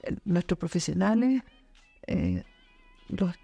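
A woman's voice: lowish voice, wildly swooping pitch, takes it slowly, creaky, mellow, slightly rough, faint music behind. A woman in her fifties from Chile, a guest talking thoughtfully in an office studio interview, with many fillers and restarts. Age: 50s. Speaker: guest, company manager. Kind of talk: casual interview chat. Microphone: desk boom mic.

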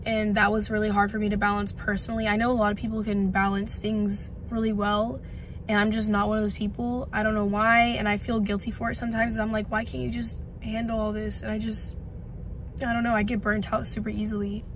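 Speaking at a slightly quick clip in a flat, mid-range voice, this twenties-aged vlogger chats and rambles from a parked car, filling her talk with "like." She's stuffed up and has partly lost her voice. Her phone camera sits at arm's length, and there's a little hiss or hum.

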